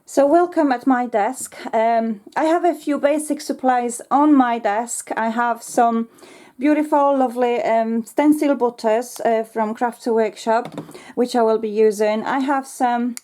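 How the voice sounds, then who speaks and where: A woman from Poland with a Polish accent, a slightly croaky voice and an earnest manner, hosting a crafting tutorial. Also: fairly high pitch, measured pace. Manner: warm, earnest, many fillers. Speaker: craft channel host.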